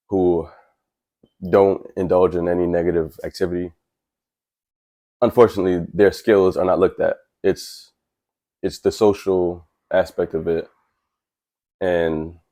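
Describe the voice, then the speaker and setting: A welder who vlogs about his trade talks to camera casually, earnestly and frankly, in plain terms. His low, mellow voice sounds stuffy from a cold.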